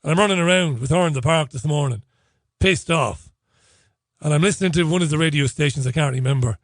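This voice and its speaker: A man's voice: a little high, quick pace, no echo, studio quality. A man hosting a talk radio show, delivering a sardonic monologue with frequent laughter and mock phone-call banter.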